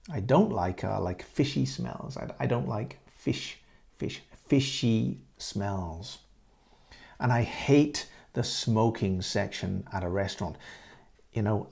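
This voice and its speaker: A middle-aged Englishman from Great Britain, an English teacher asking and answering conversation questions and repeating phrases slowly for learners. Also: on the low side, vocal fry, a little mellow.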